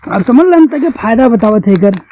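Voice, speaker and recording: A man's voice: very high-pitched, lively intonation, normal speed, mellow, soft background music. A man playing a whiny, rambling drunk villager with an Awadhi accent in an amateur comedy sketch. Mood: tipsy philosophizing.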